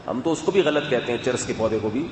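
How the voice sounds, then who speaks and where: A man giving a sermon in a calm, conversational, explanatory way, with asides to his listeners. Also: medium pitch. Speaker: religious scholar. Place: mosque or hall with loudspeaker system. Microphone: loudspeaker microphone. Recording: echoey hall, faint background noise.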